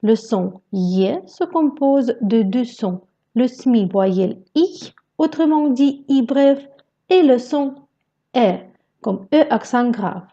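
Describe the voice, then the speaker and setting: A woman teaching Russian vowels in a slow pronunciation lesson, carefully modelling each sound. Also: a little high, warm tone, dull audio.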